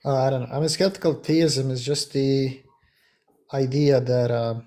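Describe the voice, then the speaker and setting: A man's voice: medium pitch, steady tone, normal speed, mellow. A man hosting a livestream, asking questions in a casual, hesitant way with frequent fillers. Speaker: livestream host. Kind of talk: casual chat.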